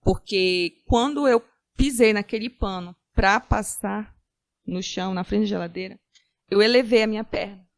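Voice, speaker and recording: A woman giving a personal faith-filled testimony as a podcast guest, earnest, with halting restarts. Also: mid-range voice, dry recording, clean studio sound. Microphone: studio podcast mic.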